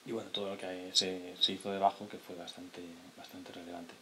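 Low flat-voiced man lecturing. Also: brisk, background noise. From Spain. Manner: hesitant, many restarts and tag questions. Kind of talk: lecture to an audience. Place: lecture hall, seated at a table. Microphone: table mic on a stand.

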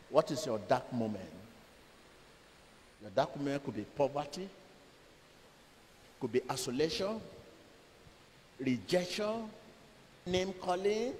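Middle-aged male pastor, sermon, very lively pitch, handheld mic, long reverb of a large church hall. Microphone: handheld microphone. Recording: long hall reverb, faint room noise.

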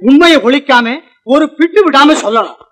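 A grumbling old uncle. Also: male voice, very high-pitched, moderate pace, fairly bright tone. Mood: gruff. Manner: grumbling, with gruff "ah" interjections. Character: stern older uncle, head of household, irascible. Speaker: uncle and house owner. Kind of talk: 1950s film acting.

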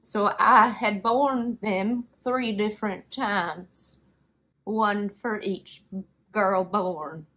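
A woman's voice: medium pitch, fairly even intonation, extremely slow, fairly bright tone, poor audio. A woman voicing a sweet, rambling old lady in her late eighties, folksy and obtusely literal, in a prank call. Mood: rambling, obliviously literal. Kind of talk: prank phone call role-play. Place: small bedroom, indoors.

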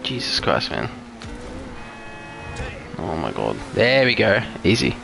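A man's voice: fairly low pitch, huge pitch swings, takes it slowly, gravelly, over music. A young man streaming a driving game live, chatting casually with viewers, swearing often and venting road rage. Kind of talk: live gameplay commentary.

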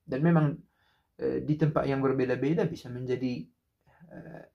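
In a muffled recording, a man in his thirties speaks to the camera from a small room by a window with a creaky, mid-range voice, fairly even intonation and moderate pace. His casual commentary is reflective and rhetorical, peppered with fillers and restarts.

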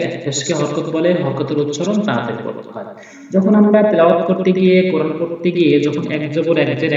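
A man's voice: a little high, darkish tone. A man teaching Quran recitation as a step-by-step lesson, patiently spelling out letters and repeating each sound in drills. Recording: very echoey room, mic at a distance, dull sound.

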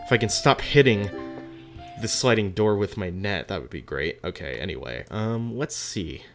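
A gaming host giving casual gameplay commentary, musing aloud in an animated way and sometimes reading game text. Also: low voice, moderate pace. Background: game music.

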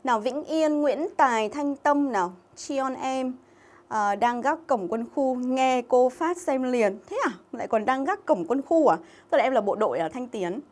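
A woman from Vietnam gives a live English review lesson, her voice sitting a little high. She is chatty and keeps calling out viewers' names from the comments between explanations. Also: animated, normal speed, darkish tone. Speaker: English teacher. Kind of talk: livestream exam-review lesson.

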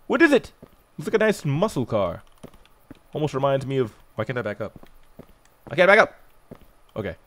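A man hosting a horror game let's-play, talking to the game and swinging between hushed and loud reactions. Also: mid-range voice. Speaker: gaming video host.

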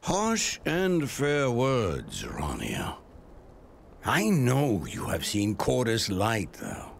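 An actor playing a very old, devout and weary village elder in a video game, raspy and solemn, with poetic phrasing. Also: male voice, mid-range voice, wildly swooping pitch, a little hiss or hum, full character voice. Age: older. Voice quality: raspy, gravelly. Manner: solemn, poetic, slow measured delivery.

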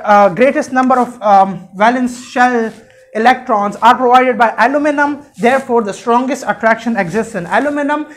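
A young man lecturing as a teacher, emphatic and repetitive, often posing questions and answering them. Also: sits high. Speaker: chemistry teacher. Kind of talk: explanatory classroom lecture at a whiteboard. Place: indoor room, standing at a whiteboard.

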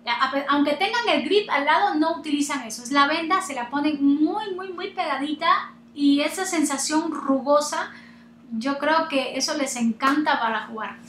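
A chatty woman hosts a relaxed interview over a video call. Her voice sits high and bright. It carries a roomy echo. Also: normal speed, slight background noise. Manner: chatty and animated, laughs often. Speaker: host. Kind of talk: casual chat interview.

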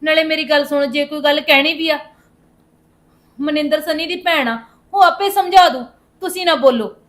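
A woman playing a young wife who pleads with her mother to quiet down. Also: high-pitched, normal speed. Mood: pleading. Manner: pleading, hushing. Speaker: daughter-in-law, the visiting mother's daughter.

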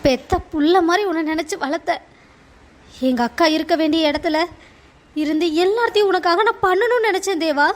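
This is a stern, scheming middle-aged aunt in a cartoon family drama, voiced by a woman. Her voice sits high, and her scolding runs melodramatic. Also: fairly quick. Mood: angry reproach.

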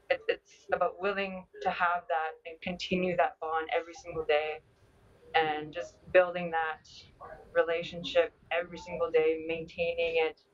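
A young woman answering interview questions conversationally, hesitant and often repeating her words. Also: lowish voice. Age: young adult. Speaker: interview guest, dog team owner. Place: large busy indoor meeting hall. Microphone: video call. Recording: muffled video call, distant microphone.

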